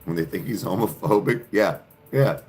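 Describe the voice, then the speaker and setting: A man's voice: low-pitched, moderate pace, darkish tone, soft background music. A man hosting a podcast, ranting sarcastically in casual chat with plenty of profanity. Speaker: podcast host. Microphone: studio podcast mic.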